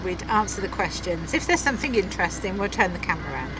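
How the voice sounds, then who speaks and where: A woman's voice: fairly low pitch, very animated, fast. A middle-aged woman from Essex with an Essex accent, chatting and laughing easily as she reads out viewer questions. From Essex, England. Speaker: vlog co-host. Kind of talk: casual chat. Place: outdoors on a moving narrowboat. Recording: outdoor noise from boat and traffic.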